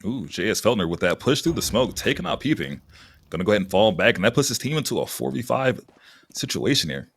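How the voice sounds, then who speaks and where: A man doing live esports commentary as a caster, lively and husky, with casual asides. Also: on the low side, quick pace, slight background noise. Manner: animated esports caster delivery. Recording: music behind the voice. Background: music.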